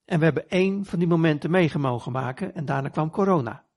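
A man's voice: a little high, fast talker, darkish tone. A man preaching a sermon, retelling scripture stories earnestly and acting out the voices in them. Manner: earnest storytelling, acts out quoted voices.

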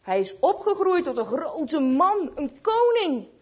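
A woman's voice: high voice, big pitch swings, slow, darkish tone, pitched above the performer's own voice, full character voice. A woman voicing a kindly, lonely old male shoemaker in a storybook, sighing and mumbling. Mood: hopeful.

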